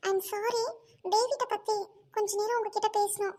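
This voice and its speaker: A woman's voice: extremely high pitch, little pitch movement, moderate pace, a little mellow. A woman voicing a young woman doctor who pleads and insists, in an amateur audio drama. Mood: pleading.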